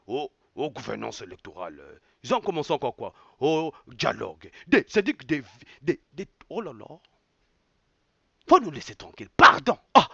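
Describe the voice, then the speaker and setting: A man's voice: fairly high pitch, vocal fry, pushed and bright, breathy edge, no echo. A man delivers an impassioned rant, repeating words over and over with mocking exclamations. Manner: repetitive, mocking, exclamatory, mixes in local phrases. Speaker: online commentator. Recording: dull lo-fi dry sound.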